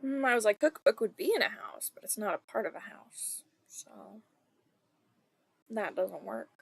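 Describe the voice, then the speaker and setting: A woman streaming a co-working session, thinking aloud in casual self-deprecating chat with soft muttered asides. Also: medium pitch, normal speed, vocal fry, breathy edge.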